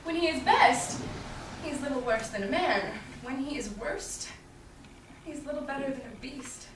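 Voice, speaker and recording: High-voiced witty Portia, played by a woman, in echo. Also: normal speed, close to an everyday voice. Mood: disdainful wit. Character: witty young Venetian heiress, wry and sharp-tongued. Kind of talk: staged reading of Shakespearean comedy. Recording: distant echoey room with faint noise.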